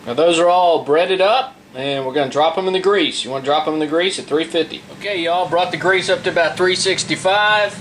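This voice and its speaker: A high-voiced man with a fairly bright tone runs through a recipe a little fast and with few pauses, speaking as a folksy, plain-spoken home cook in a casual demo. He's set back from the mic in a roomy kitchen, where a noisy fan hums behind him.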